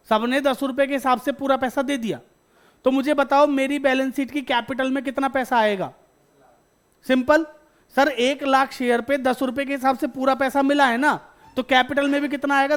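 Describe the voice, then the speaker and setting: A male teacher, giving a classroom lecture. He fires questions at the class, repeats each point, and answers himself before moving on. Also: very high voice. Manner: addresses students as beta.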